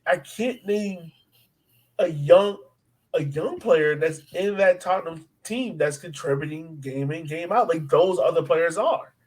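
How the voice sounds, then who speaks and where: On a casual soccer podcast, this co-host agreeably picks up points and adds to them in easy conversation. He sounds somewhat high and a little mellow, taking his time, though the audio quality is poor.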